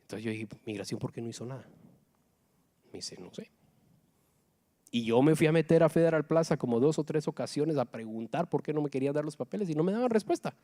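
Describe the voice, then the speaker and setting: A middle-aged man from Guatemala, giving an emotional personal testimony in church that swings between hushed and loud. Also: a little high, expressive, brisk.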